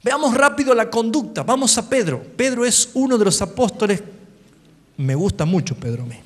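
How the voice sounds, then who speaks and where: A man with an Argentine Spanish accent preaching a sermon as pastor, swinging between quiet asides and loud calls for the congregation to repeat after him. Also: very high voice, sing-song, normal speed. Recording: long hall reverb.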